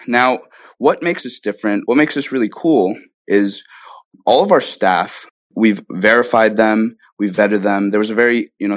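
Interviewed as a guest, an app founder talks eagerly about his work in a conversational style, often checking in with "right?" or adding "you know". His voice is fairly low, and the recording is low quality though free of echo.

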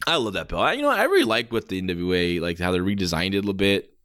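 A man's voice: low-pitched, very animated, racing, fairly bright tone. A man doing casual play-by-play as a wrestling commentator, reacting with exclamations and the odd swear word.

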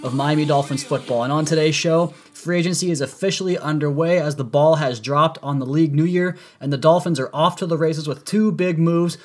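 A man's voice: on the high side, fairly even intonation, brisk, few pauses, faint music behind. A man hosting a sports podcast with enthusiastic, wordy commentary, his voice strained and congested from a sore throat, like swollen tonsils. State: sore throat from a cold, voice partly lost.

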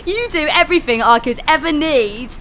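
A man's voice: very high voice, expressive, moderate pace, bright, forceful tone, a little hiss or hum, pitched above the performer's own voice, full character voice. A man voicing a young woman driver, nervous and hesitant. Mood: cheerful. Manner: breathy, hesitant, giggly.

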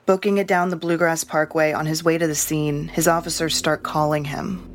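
A woman narrating a true-crime podcast in a steady, measured, scripted way. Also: low-pitched, a little hiss or hum.

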